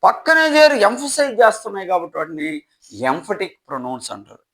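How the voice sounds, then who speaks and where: A man's voice: high voice, gravelly, a bit bright. An older man teaching English grammar step by step, asking rhetorical questions and reading out English example sentences. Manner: asks rhetorical questions to check understanding. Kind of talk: classroom explanation.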